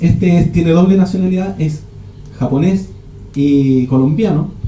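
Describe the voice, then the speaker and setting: A man's voice: high-pitched, gravelly, dark tone, slight background noise. A man giving a rambling teaching talk at a men's church retreat, often restarting his sentences. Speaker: retreat speaker. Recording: echoey room.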